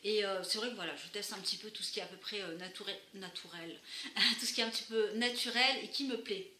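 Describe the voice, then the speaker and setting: A woman's voice: medium pitch, fairly even intonation, quick pace, sharp tone, a little hiss or hum. A woman vlogger casually reviewing her product haul, hesitating with many fillers but enthusiastic. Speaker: beauty vlogger. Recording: echoey room.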